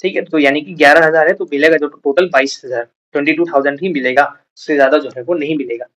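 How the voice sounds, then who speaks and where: A man teaching an exam prep lecture, reading English points slowly and then explaining them casually with fillers. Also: a little high, fairly bright tone, muffled recording. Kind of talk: lecture mixing Hindi and English.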